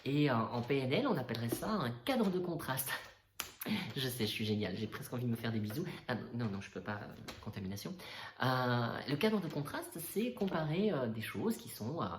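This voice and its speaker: Self-mocking male coach, casual comic monologue, middle pitch, echoey room. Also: lively intonation, brisk, slight background noise. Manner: joking, self-mocking, lots of fillers and restarts. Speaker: NLP coach.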